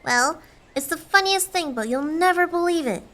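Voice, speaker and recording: Actress as friendly small-town woman, family drama: earnest, chatty, high and bright. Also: expressive, moderate pace, heavily acted. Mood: flustered, rambling. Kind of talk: acted family film dialogue.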